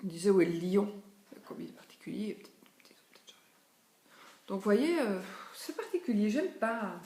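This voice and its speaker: A woman's voice: mid-range voice, big pitch swings, moderate pace, warm tone. A woman presenting a tarot deck in casual chat, thinking aloud with many small asides. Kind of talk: casual chat while showing cards. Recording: echoey room with faint noise.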